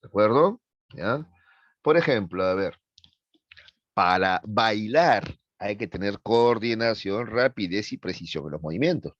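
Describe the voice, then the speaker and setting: A man's voice: on the low side, lively intonation, unhurried, no room sound, muffled recording. A male teacher giving a classroom lecture, explaining step by step and often checking that students follow. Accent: Peruvian Spanish. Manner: explains with frequent checks for understanding.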